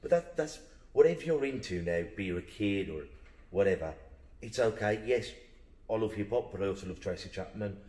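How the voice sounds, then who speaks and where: A man's voice: lowish voice, lively intonation, fairly quick, darkish tone. A man hosting a podcast, talking in an enthusiastic, rambling, jokey way. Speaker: podcast host. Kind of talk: casual podcast chat. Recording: roomy echo.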